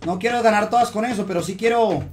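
A man streaming live gameplay, chatting to viewers and muttering to calm himself down during fights. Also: high voice, fast, faint music behind. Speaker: gaming streamer.

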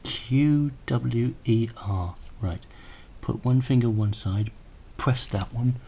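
With a medium-pitched, slow, warm voice that has a breathy edge, a man presents a hardware prototype in a loose, unscripted way, thinking aloud and hesitating. A handheld camera mic captured it, noise and clicks included.

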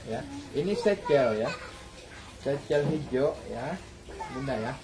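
A man in his thirties with a mid-range voice sells clothes on a live stream, calling out repetitive, hawker-style lines with lively intonation at a slow pace. It was recorded on a phone inside a shop, with noisy background sound.

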